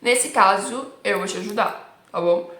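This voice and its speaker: A woman's voice: mid-range voice, measured pace, fairly bright tone, echoey room. A woman from Milan, a native Italian speaker with a Milanese accent, teaching in a chatty, casual way and checking in with her students often. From Milan, Italy. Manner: chatty, keeps checking in with "tá bom?". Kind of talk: casual online lesson.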